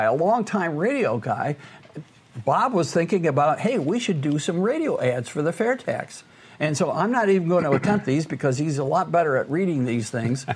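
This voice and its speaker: A man co-hosting a podcast in casual chat, earnest and quick to laugh. His voice sits a little high for a man and has a husky edge. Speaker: podcast co-host.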